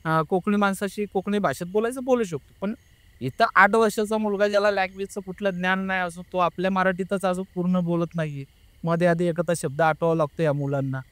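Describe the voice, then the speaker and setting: High-voiced man telling a tense story. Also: steady tone, brisk, a bit bright, clear, resonant tone, dry recording. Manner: earnest, emotional, re-enacts family members' words. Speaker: guest telling a personal story. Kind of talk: casual interview storytelling.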